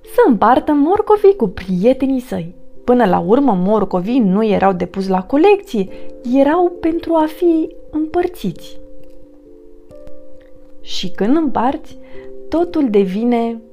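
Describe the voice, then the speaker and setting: A woman reading a children's picture book aloud, gentle and expressive. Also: a little high, faint music behind. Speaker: storyteller.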